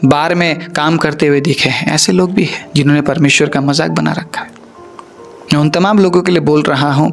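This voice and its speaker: A man's voice: a little high, creaky. A man preaching a sermon as a pastor, sternly warning his listeners and often adding "ठीक है" as he talks.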